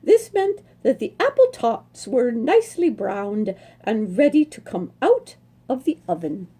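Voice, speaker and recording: Taking her time with every phrase, a woman reads a picture book aloud to children in a slow, expressive storytelling style. Her voice is higher-pitched, soft, mellow and a little breathy, never sharp. She uses the animated, sing-song delivery of a librarian's story hour.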